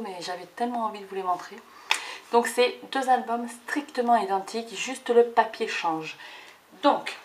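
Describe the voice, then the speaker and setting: A woman's voice: a little high, a little hiss or hum. A woman chatting casually while showing her scrapbooks, hesitant with many fillers and restarts. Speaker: scrapbooking vlogger. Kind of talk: casual show-and-tell.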